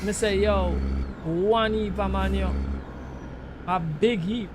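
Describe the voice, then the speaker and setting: A Jamaican man with a rather high voice chats casually over a truck-driving game. He muses aloud and keeps checking in with the listener. Loud engine noise from the game runs under his voice. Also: fairly even intonation, slow pace. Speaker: gaming channel host. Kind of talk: casual rambling commentary over gameplay. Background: truck driving game sounds.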